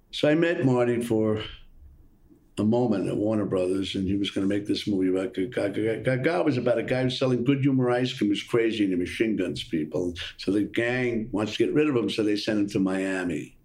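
An older man with a lowish voice recounts old film-set stories in a loose, animated way. He jumps into the voices of the people he quotes and circles back through half-finished sentences. The recording has a roomy echo around him. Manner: animated storyteller, acts out quotes, trails off and restarts. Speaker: guest actor telling stories. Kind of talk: casual anecdotal chat.

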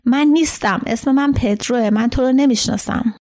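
A woman voicing a terrified, paranoid older man in hiding, who speaks with a slow, sly certainty in a storybook reading. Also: medium pitch, vocal fry, a little mellow, natural voice. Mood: frightened. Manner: frightened, then slyly certain.

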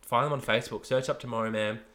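Loud, bright-voiced young Australian man. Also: medium pitch, fast talker. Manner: loud, energetic, laughs often. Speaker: podcast host. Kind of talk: casual podcast chat.

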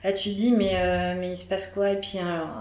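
A woman's voice: mid-range voice, little pitch movement, brisk, darkish tone. A woman in her thirties, a guest telling her birth story in casual conversation, hesitant with many fillers and restarts. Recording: roomy echo.

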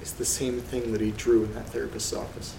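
Close to his everyday voice, a man with a gravelly mid-range tone and flat delivery acts as an uneasy reader of creepy letters, alone, in a horror audio drama. He's subdued and measured with dramatic pauses, and the somber, ominous recording sounds roomy, with noise, rain and thunder behind him.

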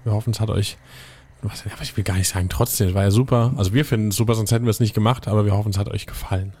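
A man's voice: fairly low pitch, steady tone, very fast, a little mellow, husky. A male podcast host chatting casually in a loose, enthusiastic, rambling way. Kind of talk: casual chat.

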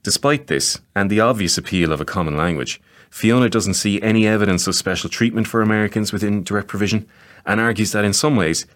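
Man, very deep voice, measured documentary narration. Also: a bit bright. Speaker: podcast reporter.

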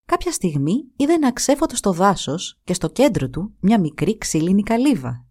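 A woman narrating a folk tale in an expressive, dramatic storytelling manner. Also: mid-range voice.

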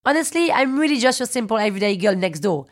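A woman's voice: on the high side, sing-song, fast, faint music behind. A woman in her thirties with a French accent, hosting her own podcast in a chatty, self-mocking way. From France. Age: 30s. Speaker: podcast host. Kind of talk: scripted podcast narration.

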